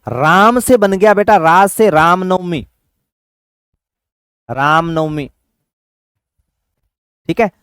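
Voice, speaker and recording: A man teaching an exam-prep lesson, fatherly with his students, asking questions and answering them himself, chanting memory tricks slowly. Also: high-pitched, fairly bright tone, clean tone, no room sound.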